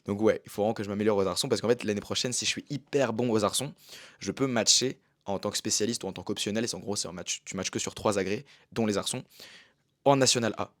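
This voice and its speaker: A man's voice: fairly low pitch, fast, fairly bright tone, dry recording. Young man, casual vlog talk, slangy and rambling, dry close sound. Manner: slangy and rambling, with many fillers. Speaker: vlogger and amateur gymnast. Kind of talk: casual chat.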